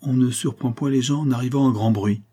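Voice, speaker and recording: A man's voice: mid-range voice, brisk, mellow, breathy edge, pitched above the performer's own voice, lightly acted. A man reading the lines of a cold, scheming young viscount in an audiobook, cool and insistent.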